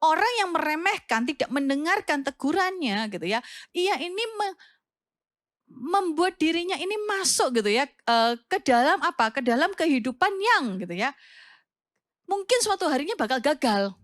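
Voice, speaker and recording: A young woman with an East Javanese Indonesian accent gives a children's sermon in an animated, storytelling way. Her voice sits high, and she acts out the voices in her story, with plenty of fillers. The recording is close and dry. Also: moderate pace, no echo. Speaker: youth preacher.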